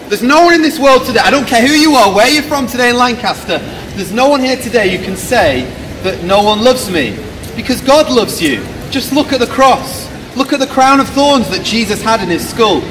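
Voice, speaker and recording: Man preaching loudly on a rainy street. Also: sits high. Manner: loud, questioning the crowd, gesturing widely. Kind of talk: open-air street sermon. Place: rainy pedestrian shopping street outdoors. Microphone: camera a few metres away, no visible mic. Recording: distant outdoor street recording with noise.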